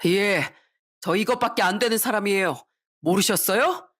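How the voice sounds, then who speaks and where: A woman's voice: medium pitch, moderate pace, a bit bright, husky. A woman voicing an arrogant adult son who talks back coldly and cuttingly to his parents. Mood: cold defiant. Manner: cold, cutting.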